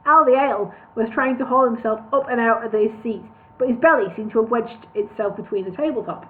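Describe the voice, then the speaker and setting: On a livestream, a woman reads a comic fantasy novel aloud in a slightly fast, high-leaning voice, breaking off for chatty asides and laughing at viewer comments. The audio has a tinny, phone-like quality.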